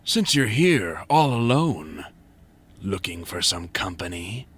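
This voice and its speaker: Creepy game delivery guy: very low, husky, slow, insinuating and falsely friendly. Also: big pitch swings, a bit bright, heavily acted. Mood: leering, menacing. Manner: insinuating, mock-friendly, breaks into whispers. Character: creepy, leering delivery man with menacing flirtation. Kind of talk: video game voice acting.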